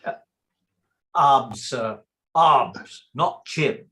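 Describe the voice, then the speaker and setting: A man's voice: medium pitch, drawn-out words, a bit bright. A man playing a blunt, argumentative, practical theatre man in a stage play reading, blustering as he talks. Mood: dry. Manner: blustering, interrupting.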